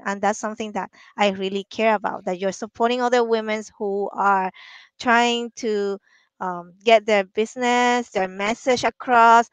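A woman's voice: mid-range voice, smooth, no echo. A woman in her thirties from the Dominican Republic, a marketing consultant guest speaking earnestly and encouragingly over a headset mic on a video call from home. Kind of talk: casual interview talk. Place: room at home, indoors.

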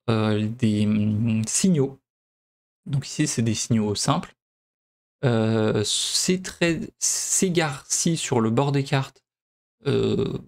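Casting note: young man from France, let's play host, mid-pitched, halting delivery full of fillers. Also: darkish tone. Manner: hesitant, many fillers and restarts. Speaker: gameplay video host. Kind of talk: casual let's play commentary.

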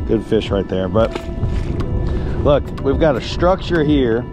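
Music plays behind a man speaking slowly and animatedly in a mid-range voice, chatting folksily to viewers as a fishing guide. He is outdoors on a small boat on a windy open lake, recorded with an action camera worn on his body.

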